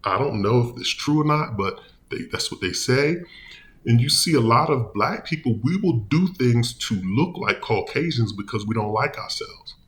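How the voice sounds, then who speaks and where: A man's voice: medium pitch, lively intonation, moderate pace, a bit bright. A man hosting his own video channel, giving casual commentary in a rambling, emphatic way with many restarts. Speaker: vlog host.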